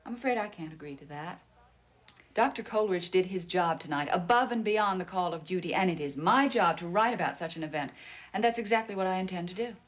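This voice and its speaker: A woman's voice: fairly low pitch, expressive, fairly quick. An actress playing a persistent young woman journalist in a daytime soap, cool and insistent. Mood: firm. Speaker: actor in a TV drama.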